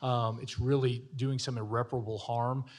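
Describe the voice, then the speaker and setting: A man speaks as a county commissioner at a public meeting, with a mid-range voice. He talks off the cuff in a halting way, often doubling back on words as he looks for the next phrase. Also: medium pitch, flat delivery. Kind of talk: extemporaneous remarks at a public meeting.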